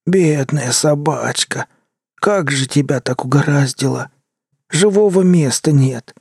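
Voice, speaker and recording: A man voicing a soft-hearted old drunken tramp who groans and drawls with pity, in an audiobook. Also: a little high, vocal fry, slightly rough, dry recording, studio quality, pitched above the performer's own voice, exaggerated voice. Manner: groaning, drawn-out, pitying.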